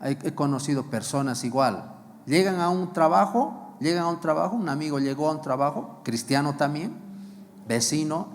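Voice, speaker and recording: A man preaching a sermon as pastor, asking rhetorical questions and repeating key phrases. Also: a little high. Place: church hall. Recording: long reverb of a church hall.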